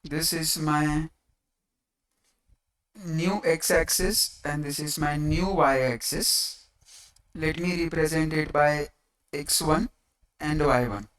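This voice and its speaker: Slow, deliberate teacher, distant mic. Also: medium pitch, a bit bright, dry recording. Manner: deliberate, pausing between short phrases. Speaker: maths teacher. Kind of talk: lecture explaining coordinate geometry step by step. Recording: distant microphone.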